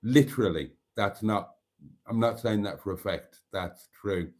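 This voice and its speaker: On this live stream, a man from Wales who speaks Welsh natively wanders from thought to thought, restarting often and leaning on fillers. His voice is on the low side and a touch mellow, moving at a measured pace.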